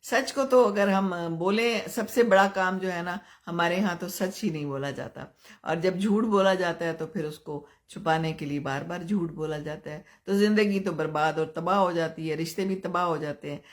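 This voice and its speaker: Older woman, live-stream host, gentle and advising, somewhat low voice. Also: normal speed. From Pakistan. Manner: gentle, advising, chuckles often. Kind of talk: live-stream chat answering viewer comments.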